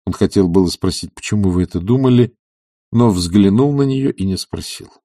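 A man narrating a classic novel as an audiobook, measured and expressive. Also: low voice, dry recording, clean studio sound. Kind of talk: literary audiobook reading.

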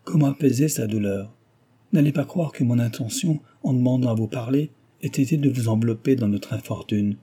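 A man's voice: medium pitch, dark tone, slightly rough, lightly acted. A man voicing an anxious young man fearing for his sister in a read-aloud novel. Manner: distressed and apologetic.

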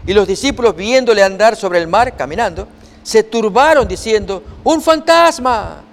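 Male preacher, high voice, teaching from scripture with rhetorical questions, long hall reverb. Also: normal speed. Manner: reads scripture aloud and asks the listeners rhetorical questions. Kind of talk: sermon-style Bible teaching.

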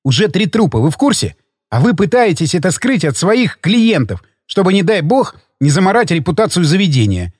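A man's voice: high-pitched, very animated, moderate pace, darkish tone, slightly rough, dry recording, studio quality, full character voice. A man reading an audiobook, voicing a defiant young husband who answers back curtly. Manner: curt, defiant retorts. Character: defiant young husband, stubborn and sharp-tongued.

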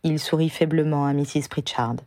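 Female audiobook narrator, measured and even, low pitched, warm dry tone. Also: dry recording. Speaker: audiobook reader. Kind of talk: storybook narration.

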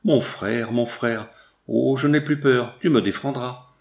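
A man's voice: mid-range voice, unhurried, gravelly, a little mellow. A man voicing a wronged, pleading young woman. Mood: distressed. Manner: earnest, insistent denials. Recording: roomy echo.

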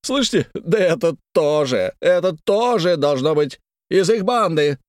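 A man putting on a shrill, badgering nobleman. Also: big pitch swings, moderate pace, a little mellow, dry recording, studio quality. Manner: shrill, badgering, high-pitched. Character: fussy excitable middle-aged male nobleman.

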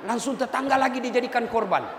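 A man preaching a humorous sermon to a women's study group, lively and teasing, shouting his punchlines, in an echoey hall. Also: extremely high pitch, quick pace, a faint crowd, a little hiss or hum. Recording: echoey hall with faint ambience.

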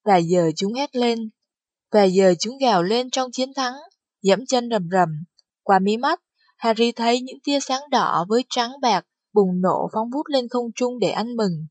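A woman narrating an audiobook with steady storytelling delivery. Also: fairly high pitch, unhurried, breathy edge, no echo. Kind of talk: scripted narration.

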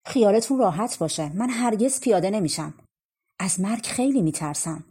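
A woman's voice: medium pitch, expressive, warm tone, breathy edge. A woman voicing an earnest, homesick young man in a storybook reading. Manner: earnest and eager.

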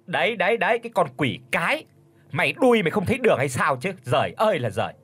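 A man voicing a spiteful old woman, a bullying mother-in-law, in a shrill, sharp-tongued scolding voice. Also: very animated, slightly rough, faint music behind, exaggerated voice. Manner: scolding, fast accusing questions. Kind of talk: audiobook character voice.

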